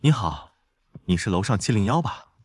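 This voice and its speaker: A calm, tough soldier husband. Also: male voice, fairly low pitch, normal speed, slightly rough, no room sound. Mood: steady. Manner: calm, clipped and assured.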